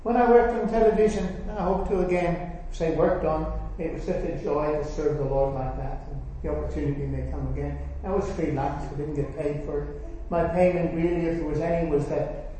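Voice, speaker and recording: A man's voice: on the high side, fairly even intonation, a little fast, hardly any pauses, warm tone. Emphatic male preacher in an echoey hall. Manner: emphatic, asks the congregation questions. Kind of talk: sermon. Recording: echoey hall, distant mic, faint noise.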